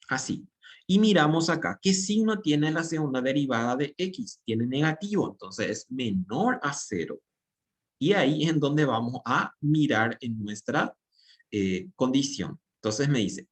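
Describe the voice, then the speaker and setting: Man teaching math, thinking aloud step by step. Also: on the high side. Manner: explains step by step while writing, asks and answers his own questions. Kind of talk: recorded class lecture.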